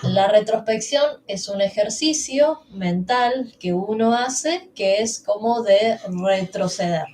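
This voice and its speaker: A woman's voice: medium pitch, takes it slowly, hardly any pauses, darkish tone. Woman, young adult, rioplatense accent, livestream co-host, casual chatty explaining, faint background noise. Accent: Rioplatense Spanish. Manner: chatty, self-interrupting, slangy. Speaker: workshop co-host.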